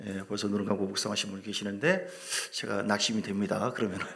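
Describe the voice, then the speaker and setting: A middle-aged man preaching a sermon as a pastor in a church, lively and joking with his congregation. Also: fairly low pitch, fairly quick, vocal fry. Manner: animated preaching with humor, asides to the congregation. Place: church sanctuary.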